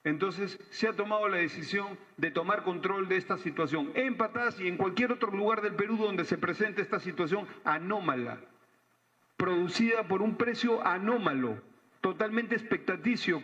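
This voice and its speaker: A man, a government minister giving a measured, explanatory press briefing with hesitant fillers, recorded in a reverberant room with slightly dull sound. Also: high-pitched, bright, forceful tone.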